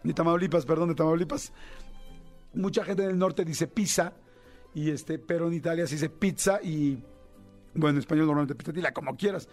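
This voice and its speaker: A man's voice: a little high, steady tone, brisk, darkish tone, faint music behind. A man with a Mexican accent hosting a radio show, chatting casually and joking, rambling with fillers as he thinks aloud. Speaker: radio host. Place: radio studio.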